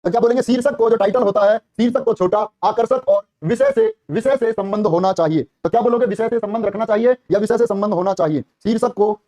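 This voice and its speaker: A Hindi teacher preparing students for a police exam runs a live online class, quizzing them rapidly and repeating every answer. His high, mellow voice is recorded dry and close with no surrounding room, and he encourages students with praise, addressing them as brother and child.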